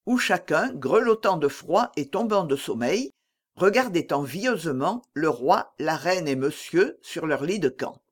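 Measured audiobook reader, lively melody, unhurried delivery. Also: medium pitch. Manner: slow, lively storytelling with voiced dialogue. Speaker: audiobook narrator. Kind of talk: scripted narration of a classic novel.

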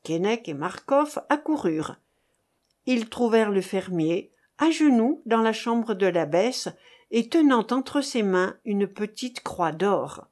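A woman reads a classic novel aloud as an audiobook narrator. Her delivery is slow and measured, and her pitch moves in a lively, melodic way. It sounds like scripted literary narration.

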